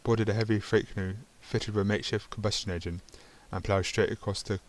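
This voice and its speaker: Low flat-voiced man reading game text. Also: a little fast. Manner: stumbling reading with dry asides. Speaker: gaming channel host.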